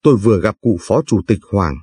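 Brief: brusque officer, low husky voice, dry close sound, narrator's own. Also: male voice, expressive, brisk, mellow, no room sound. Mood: curt. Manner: curt, brusque. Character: young male army officer, stern and curt.

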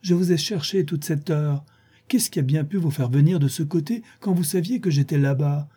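A man's voice: a little high, moderate pace, mellow, husky, pitched above the performer's own voice. A man voicing a gushing, affected young society woman, effusive and teasing in a theatrical way.

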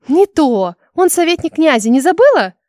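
A woman voicing Elsa, a bright teasing noblewoman. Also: sits high, sing-song, moderate pace, no echo, clean studio sound, voice pushed up. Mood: insistent. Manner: bright, insistent, theatrical. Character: cheerful teasing young noblewoman friend. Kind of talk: audiobook character voice.

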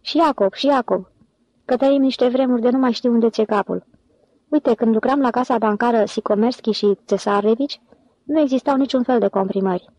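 A woman voicing a gloomy, grumbling old male bookkeeper with a metallic, shrill voice. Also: darkish tone, dry recording, rough recording. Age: older.

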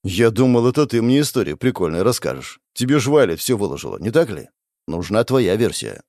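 Burly scarred bald doctor played by a man, blunt, matter-of-fact, animated pitch. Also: a little fast, no room sound, studio quality.

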